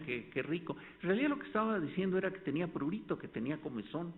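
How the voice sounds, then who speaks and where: A man with a Mexican accent giving an academic lecture at a medical colloquium, explaining points with an animated, demonstrative delivery. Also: medium pitch. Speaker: panel speaker at a medical colloquium. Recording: tinny phone-like lecture recording.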